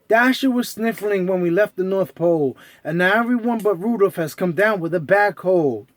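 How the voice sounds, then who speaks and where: A man's voice: sits high, moderate pace, no echo, close to an everyday voice. A man voicing a kindly old Santa Claus in a children's storybook, speaking in a hearty, emphatic way. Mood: weary, troubled.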